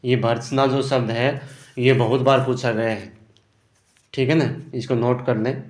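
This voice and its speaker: Slow-talking man teaching grammar. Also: medium pitch, fairly even intonation. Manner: explains answer options slowly, often adds "ठीक है ना". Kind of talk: exam prep lesson. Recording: roomy echo.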